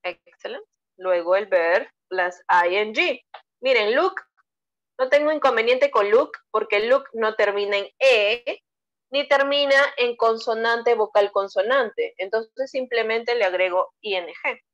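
Speaking at a measured pace in a voice on the high side, this woman from Peru leads a bilingual online English class. She breaks grammar down step by step and compliments her students, her Peruvian Spanish accent clear even though the audio's highs are cut off.

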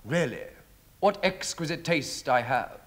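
Wicked vain lord, fairly high voice, lively intonation, arch stage comedy. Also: male voice, measured pace. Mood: smug. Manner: arch, self-admiring, epigrammatic. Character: languid, vain, wicked aristocratic wit. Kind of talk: Wilde parody stage comedy.

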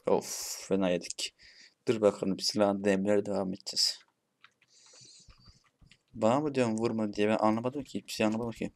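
A man's voice: on the low side, fairly even intonation, brisk, long pauses, a little hiss or hum. A young man giving casual gameplay commentary, chatty and cursing playfully at the bots. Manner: chatty, swears playfully at bots, shouts when frustrated. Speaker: gaming YouTuber.

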